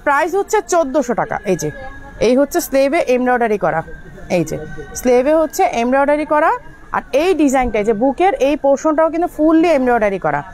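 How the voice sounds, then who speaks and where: Inside a clothing shop outlet, a woman hosts a live sale, chatting repetitively and pausing now and then to direct staff. Her voice sits high and dark-ish, swings widely in pitch, and moves fast.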